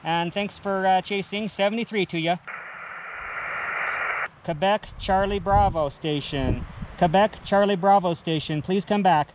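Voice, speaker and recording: A man's voice: sits high, measured pace, dull audio, background noise. A man making a ham radio call outdoors on a mountain, spelling call signs in clipped, repeated radio procedure.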